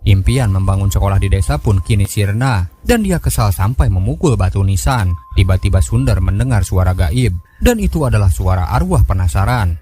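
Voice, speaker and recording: A man's voice: on the low side, animated, normal speed, mellow. A man giving a scripted storytelling narration of a film recap. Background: background music.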